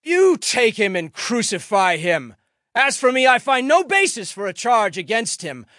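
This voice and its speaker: A man playing a commanding, troubled Roman governor in a dramatic scripture reading, loud, emphatic and declamatory. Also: high-pitched, expressive, a little slow, no room sound, studio quality, pitched above the performer's own voice, heavily acted. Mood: exasperated.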